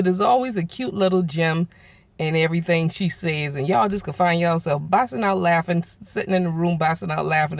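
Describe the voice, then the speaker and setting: A man, telling a story to his viewers in a casual, animated way and acting out the voices of people he quotes. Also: high voice, no room sound. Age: 40s. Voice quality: gravelly. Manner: animated, acts out quoted voices, laughs often. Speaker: vlogger.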